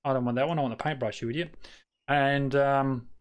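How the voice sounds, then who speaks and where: An Australian man with a steady, mid-range voice talks briskly and casually to his live-stream viewers as he plays. He rambles, fills gaps with fillers, restarts sentences, and mutters at the game.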